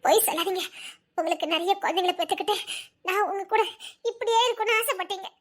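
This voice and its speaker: A woman's voice: extremely high pitch, fast. An actress playing a heartbroken young pregnant wife with a Tirunelveli Tamil accent, sobbing and laughing through tears as she accuses her husband. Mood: distraught. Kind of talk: TV serial acting.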